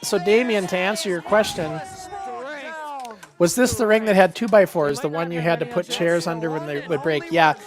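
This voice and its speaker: A man's voice: a little high, steady tone, normal speed. A man in his fifties co-hosts a casual talk show. He reminisces in a rambling, chatty way, often restarting his sentences. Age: 50s. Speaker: co-host and former wrestler.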